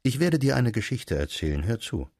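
A man reading a literary story aloud, with measured storytelling and softly voiced dialogue. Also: mid-range voice, very animated, no room sound, studio quality. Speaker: narrator.

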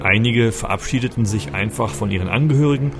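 A man's voice: lowish voice, quick pace, gravelly. A man reading a story aloud, narrating expressively and with urgency. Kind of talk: audiobook narration. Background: faint music.

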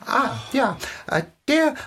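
An actress voicing a shifty neighbour who fakes an English accent in a children's audio drama, talking in an evasive, stammering, sugary way. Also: female voice, high-pitched, sing-song, slow pace, over music, exaggerated voice. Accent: put-on English accent in German. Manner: evasive, stammering, overly sweet.

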